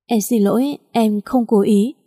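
A woman's voice: a little high, mellow, dry recording, studio quality, big-room sound. A woman voicing a frightened young wife who stammers out her words. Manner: stammering, slow.

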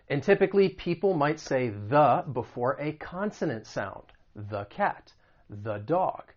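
An American man teaching English pronunciation, patiently repeating example phrases slowly. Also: medium pitch, dull audio. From United States. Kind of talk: explaining and demonstrating pronunciation.

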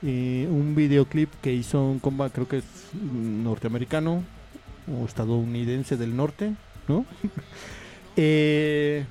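Speaking slowly in a warm, medium-pitched voice, a man from Mexico hosts a community radio program. His casual on-air talk meanders through fillers and asides, set against faint studio music.

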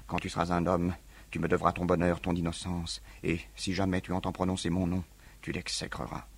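A man's voice: deep voice, completely flat delivery, fairly quick, husky. A man reading a grave, fanatical young revolutionary. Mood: grave, somber. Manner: grave, solemn declamation. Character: brooding young male revolutionary juror, fanatical. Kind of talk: 1950s French radio reading.

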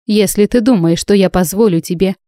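A woman's voice: medium pitch, fairly quick, mellow, no room sound, clean studio sound, natural voice. A woman playing a scoffing, bossy witch. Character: sharp-tongued middle-aged witch, bossy.

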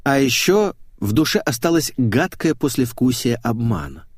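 A man narrating a comic novel in the first person, with a wry, self-mocking tone. His pitch rises and falls in a lively way. The recording is dry and close, with no room sound. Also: normal speed, slightly rough, no echo. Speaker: audiobook narrator.

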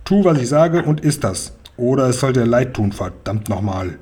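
A man's voice: mid-range voice, expressive, normal speed, warm tone, husky. A man voicing a greedy, domineering male robber in a storybook reading, barking orders and mocking others. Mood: bossy.

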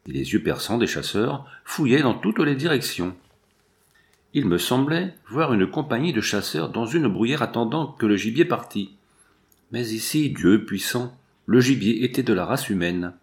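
Expressive male audiobook narrator. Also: lowish voice. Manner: expressive, dramatic reading. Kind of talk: scripted narration.

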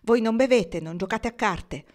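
A woman's voice: mid-range voice, moderate pace, lightly acted. Woman reading a frank spirited young woman. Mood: frank, earnest. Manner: lively, frank, earnest.

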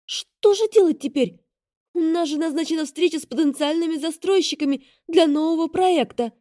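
A tiny young assistant of about twenty, as a woman puts her on, chirpy and always in a rush. She squeaks high and bright with eager energy, in a dry, close recording. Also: no echo. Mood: bubbly, flustered. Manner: quick, squeaky, flustered.

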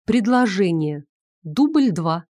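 A woman with a medium-pitched voice reads an audiobook in a calm, measured storytelling manner. This scripted narration is a dry recording with clean studio sound.

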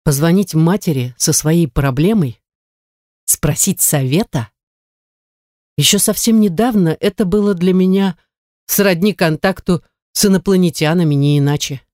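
An audiobook reader telling a first-person story in a measured, wry way, into a close mic. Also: mid-range voice, darkish tone, dry recording.

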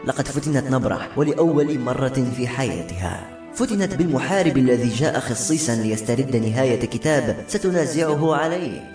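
A man reading a novel aloud with expressive storytelling, his pitch rising and falling freely. The room gives his voice a ringing echo, and soft music plays underneath. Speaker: narrator. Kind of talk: audiobook narration.

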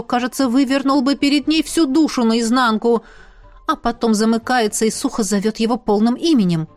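A woman reading a romance audiobook aloud in an expressive, lightly ironic narration. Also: on the high side, dry recording. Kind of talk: scripted narration.

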